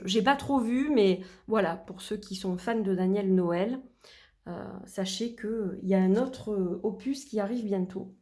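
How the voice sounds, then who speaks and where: A woman's voice: mid-range voice, darkish tone. A middle-aged woman vlogging in a casual, chatty way, with many fillers and restarts, her voice a little worn. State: losing her voice. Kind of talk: casual chat.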